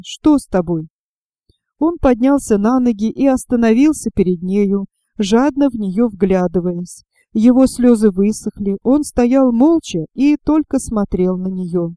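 Woman, audiobook narrator, fairly high pitch, very mellow and dark tone, measured and expressive, dry close sound. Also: no echo. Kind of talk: audiobook narration of a historical novel.

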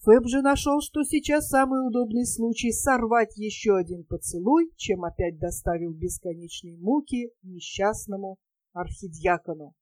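A woman reading a novel aloud as an audiobook narrator, in an even, measured storytelling manner. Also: mid-range voice, no room sound.

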